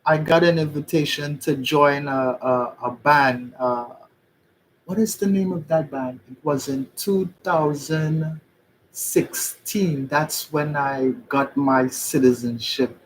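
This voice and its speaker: A man's voice: fairly high pitch, slow pace, a little hiss or hum, rough recording. A Trinidadian man from Trinidad and Tobago, a musician explaining things in a rambling casual livestream, often checking in with listeners.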